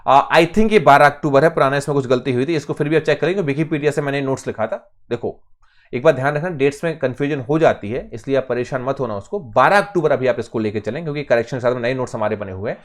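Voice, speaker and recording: A man's voice: mid-range voice, fast talker. A man teaching an exam-prep lecture in Hindi, posing questions and answering them himself, often checking in with "ठीक है". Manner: emphatic, with sudden bursts of loudness on key terms.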